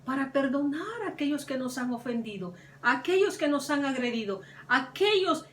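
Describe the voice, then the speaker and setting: A woman's voice: sits high, lively intonation, normal speed, a little hiss or hum. A woman preaching a sermon with fervor, her voice climbing on the words she stresses. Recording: echoey room, mic at a distance.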